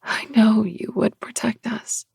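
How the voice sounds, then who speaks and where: A male narrator voicing a young human woman, wary yet tender, in an audiobook with a breathy, soft and earnest delivery. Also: high-pitched, steady tone, slow pace, no echo, clean studio sound, pitched above the performer's own voice, heavily acted. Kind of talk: audiobook character voice.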